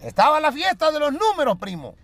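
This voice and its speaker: A man cracking jokes on a radio show in a high voice that swings widely as he goes. He tells them with plenty of animation and acts out the characters in his jokes. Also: brisk, no room sound. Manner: animated joke telling with put-on voices. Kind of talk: telling jokes.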